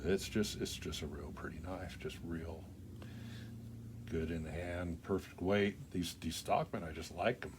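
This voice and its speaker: An older man casually shows off his pocketknife collection, rambling in a plain-spoken, folksy way. His voice is low and unhurried, with background noise in the recording.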